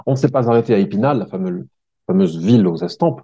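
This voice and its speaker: Casting note: male travel vlogger, low and dark, rambling storyteller, dull lo-fi recording. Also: fast, gravelly, breathy edge. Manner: chatty, many fillers and restarts, addresses listener as "tu vois". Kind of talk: casual storytelling to the viewer. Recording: dull lo-fi sound.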